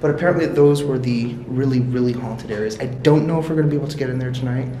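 A man's voice: medium pitch, fast, warm tone. A man in his thirties hosting an informal on-location vlog, chatting to the camera and prone to laughing. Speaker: vlog host. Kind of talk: casual on-location vlog chat. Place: large empty hotel lobby, indoors. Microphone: handheld camera at arm's length. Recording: echoey, reverberant lobby with clear background noise.

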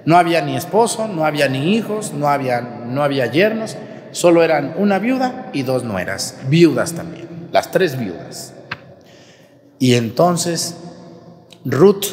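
A man, a priest, giving a lively homily, retelling a Bible story and asking his listeners questions. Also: mid-range voice, big-room sound.

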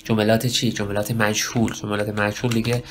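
A man teaching a spoken lesson for test preparation, talking slowly in broken phrases and asking himself questions. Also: fairly low pitch, flat delivery, a little hiss or hum. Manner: slow, halting delivery with many pauses and self-questions. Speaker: English test prep teacher.

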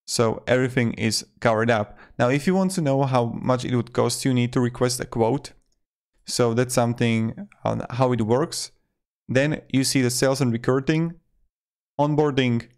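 In a small indoor room, a man in his twenties talks close to a desktop microphone, narrating a casual review for his video. His mid-range voice is a little mellow, his pace moderate and his phrasing loose.

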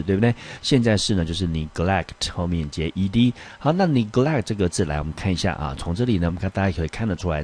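A male high school English teacher explaining vocabulary in a lesson, reading English sentences slowly and with many fillers. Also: a little mellow. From Taiwan.

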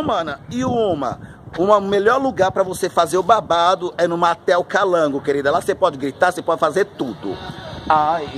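A flamboyant, chatty man telling a story outdoors on a street, recorded on a handheld phone. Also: high voice. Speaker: vlogger. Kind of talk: casual storytelling vlog while walking. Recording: street noise behind.

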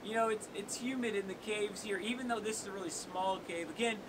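High-voiced upbeat man coaching a workout. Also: fairly even intonation, fairly quick. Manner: upbeat, joking, counting down. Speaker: workout host. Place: small seaside cave outdoors. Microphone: camera on tripod at a distance. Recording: noisy outdoor recording with wave rumble.

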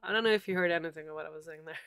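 A woman's voice: sits low, vocal fry. A woman streaming a game in casual chat, sniffling and sounding stuffy and sick, rambling and laughing easily. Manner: chatty, rambling, quick to laugh. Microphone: desk mic. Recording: noisy home stream audio.

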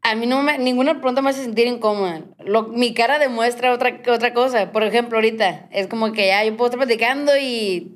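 A woman's voice: a little high, fast, few pauses. A woman in her late teens with a Sinaloa Mexican accent, talking casually and jokingly as a podcast guest. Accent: Sinaloa Mexican Spanish. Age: young adult. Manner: laid-back, joking, slangy. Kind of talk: casual chat.

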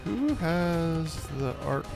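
Playing a strategy game for his channel, this man talks extremely slowly in a fairly high, expressive voice with vocal fry, laughing often in casual let's-play commentary. He uses a desk mic on a stand, and game music plays in the background.

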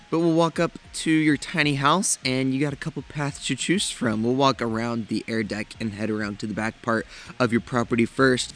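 A man's voice: on the low side, slight background noise. A young man hosting a tiny house tour, narrating with enthusiasm and talking straight to viewers. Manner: enthusiastic, addresses viewers directly. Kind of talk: upbeat walkthrough narration.

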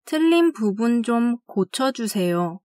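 A woman teaching language, reading classroom phrases slowly and carefully and saying each one twice. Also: fairly high pitch, sing-song, mellow, no echo, clean studio sound. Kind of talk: scripted phrase drill.

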